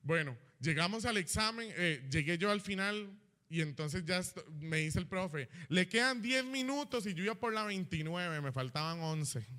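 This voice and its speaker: High bright young man telling a testimony. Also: moderate pace. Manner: animated storyteller, tags lines with "¿verdad?". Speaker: church member giving a testimony. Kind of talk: personal testimony in church. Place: church hall.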